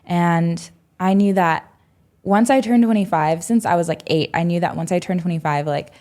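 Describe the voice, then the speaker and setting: An American woman in her twenties, guesting on a casual podcast interview, reflectively tells her story with lots of "um"s and "like"s. Her voice is fairly low and darkish, with fairly even intonation at a normal speed.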